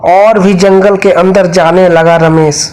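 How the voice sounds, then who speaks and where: A man's voice: sits high, steady tone, slow pace, darkish tone. A man narrating a cartoon horror story in a plain, repetitive way.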